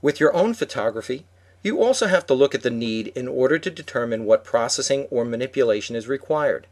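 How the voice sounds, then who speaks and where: A man's voice: medium pitch, expressive, brisk, a little mellow. A man co-hosting a podcast, reading a prepared script in an instructive way. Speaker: podcast co-host.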